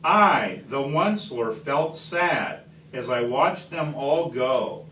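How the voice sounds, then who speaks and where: A man reading a rhyming picture book aloud expressively, with deliberate, emphatic phrasing and dramatic stresses. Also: medium pitch, animated, bright, forceful tone. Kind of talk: expressive storybook read-aloud in rhyme. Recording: distant mic, echoey room, background noise.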